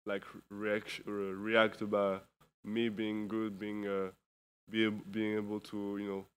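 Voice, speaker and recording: A tired young man from Europe speaks into a table microphone in an indoor press room. His voice is lowish, clean and resonant, and it stays fairly level in pitch. He talks haltingly, with lots of fillers and restarts. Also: smooth. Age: 20s. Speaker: basketball player. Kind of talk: postgame press conference answers.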